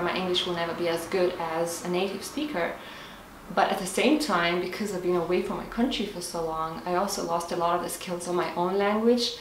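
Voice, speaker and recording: Speaking from somewhat off-mic in a reverberant space with a faint hiss, this health vlogger answers audience questions casually to camera. Her voice is fairly low, and she thinks aloud thoughtfully, walking through each point step by step with small restarts, recorded from a distance.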